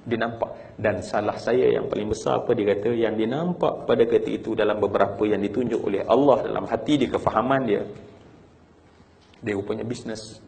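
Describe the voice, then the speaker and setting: A man with a Malaysian Malay accent preaching a sermon through a story, swinging from hushed telling to emotional crying out. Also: lowish voice, fairly even intonation, brisk, gravelly.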